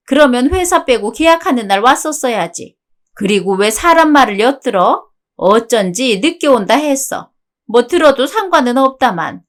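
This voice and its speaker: A woman's voice: fairly high pitch, natural voice. A woman voicing a bossy, scornful older mother-in-law who nags and scolds in a radio drama. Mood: scolding. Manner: nagging, scolding. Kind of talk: Korean radio drama dialogue.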